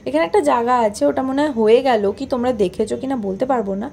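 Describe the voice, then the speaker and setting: A woman's voice: on the high side, quick pace, creaky, a little mellow, a little hiss or hum. A young woman narrating her own vlog in a chatty, playful, self-mocking voice-over. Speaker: vlogger.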